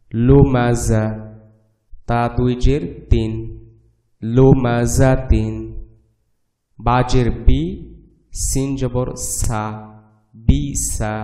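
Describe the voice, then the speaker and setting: A man teaching a reading class who speaks very slowly, sounding out syllable after syllable with patient care. His voice is mellow and low in brightness. It sounds like an echoey room picked up from some distance away. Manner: patient, spells syllables one by one and blends them. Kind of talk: slow spelling-out lesson.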